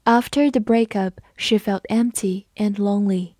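A young woman teaching English vocabulary in Chinese, explaining patiently and slowing down to spell and drill each word. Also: mid-range voice, fairly even intonation, dark tone, dry recording, studio quality.

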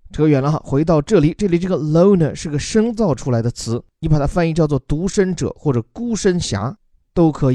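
Male podcast English teacher, somewhat high voice, patient explainer, dry booth sound. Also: mellow, no echo. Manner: explains patiently, mixing Chinese with read-out English. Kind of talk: podcast lesson explaining a news article.

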